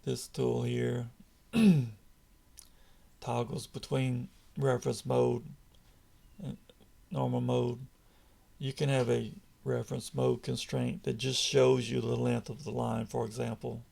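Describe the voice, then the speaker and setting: Indoors at a computer, a man with a raspy, gravelly, medium-pitched voice narrates a screen-captured software tutorial. He speaks slowly in a flat, dark tone, patiently explaining each step and reassuring the viewer.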